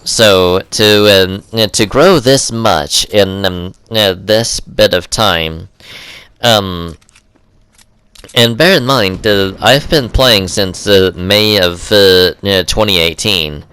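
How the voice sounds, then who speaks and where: Low, slow-talking man rambling over gameplay. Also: pushed and bright, smooth, dry recording. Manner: rambling, heavy with ums and uhs. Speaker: gameplay commentator. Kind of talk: casual gameplay commentary.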